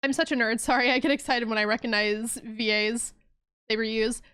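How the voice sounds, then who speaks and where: A woman streamer chatting excitedly and teasing herself while she plays a mystery game. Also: on the high side, moderate pace, clean tone. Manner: chatty, excitable, self-deprecating. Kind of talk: casual live game commentary.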